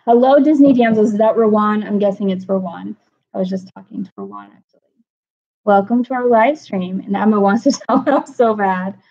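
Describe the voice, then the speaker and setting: A woman talks casually to her livestream audience from home, greeting chatters by name. Her pitch sits in a middle range. The audio is dull and lo-fi, like a home stream. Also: brisk, dark tone. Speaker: livestream host.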